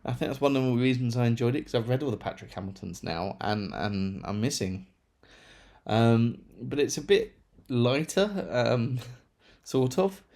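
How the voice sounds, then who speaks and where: A man's voice: mid-range voice, expressive, measured pace, creaky, a little mellow. A man chatting casually through a monthly book review, rambling with self-deprecating asides. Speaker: book vlogger.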